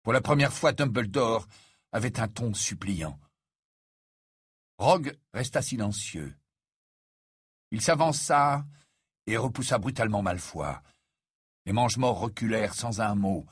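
A man narrating a novel in a measured, dramatic reading. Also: fairly low pitch, expressive, husky, no echo, clean studio sound. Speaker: audiobook reader. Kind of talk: scripted narration.

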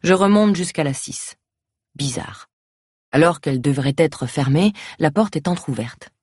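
A woman narrating a first-person audiobook in a wry, mocking, lively manner. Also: low-pitched, unhurried, husky, no echo, studio quality.

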